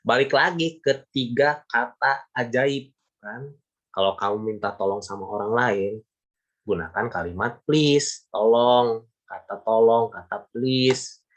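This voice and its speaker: A man's voice: medium pitch, slow pace, highs cut off. Chatty male teacher. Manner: chatty, repetitive, emphatic, gives everyday examples. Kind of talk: casual classroom lesson.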